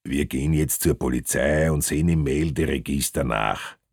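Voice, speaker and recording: Man doing a gruff, burly ticket inspector. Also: moderate pace, no room sound, studio quality, full character voice. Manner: low, grumbling, calm.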